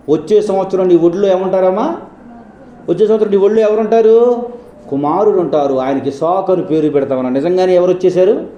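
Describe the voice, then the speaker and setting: A man's voice: sits high, mellow, reverberant. A man preaching a sermon as pastor, asking his listeners many rhetorical questions.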